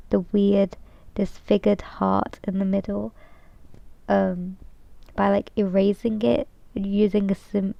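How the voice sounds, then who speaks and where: A young woman streams as a VTuber, rambling casually and hesitantly with many fillers and restarts, her voice nasal from a cold. Her medium-pitched voice is gravelly. The recording has no room sound and its highs are cut off.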